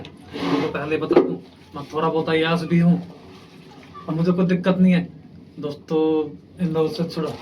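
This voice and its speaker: A young man with a slightly raised voice cracks deadpan jokes to his viewers as he washes clothes at his village home. He talks casually and directly to the camera, over a faint hum of outdoor ambience. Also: a little high. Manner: deadpan joking, addresses viewers as friends. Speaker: vlogger. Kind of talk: comic village vlog monologue.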